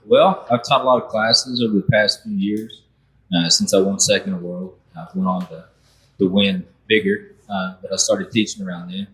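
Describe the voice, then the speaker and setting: A man, a taxidermy instructor talking in an easygoing way with many pauses at an indoor roundtable. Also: on the low side, steady tone, a bit bright. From Oklahoma. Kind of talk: relaxed roundtable talk. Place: group class in Texas, indoors. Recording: echoey room.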